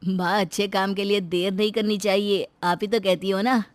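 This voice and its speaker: A woman voicing an earnest, eager young man who feels insecure about his looks, in an animated moral story. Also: mid-range voice, normal speed, dry recording, natural voice. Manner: earnest, slightly eager pleading tone. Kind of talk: cartoon voice acting.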